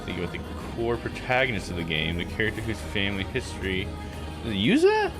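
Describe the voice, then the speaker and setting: A game streamer with a lowish voice talks fast, his pitch swooping wildly as he casually comments live on his play and thinks aloud in disbelief. Game music runs behind his voice.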